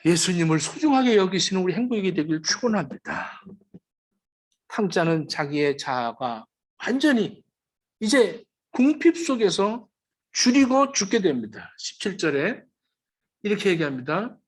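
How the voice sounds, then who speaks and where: A man's voice: high voice, big pitch swings, normal speed. A man preaching a sermon as pastor, dramatic, acting out the quoted words of the dying. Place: church sanctuary.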